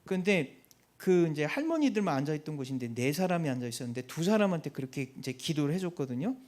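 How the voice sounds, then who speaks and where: A man, a missionary, giving an animated church testimony and acting out the people in his story. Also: a little high, fast. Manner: animated, acts out quoted people.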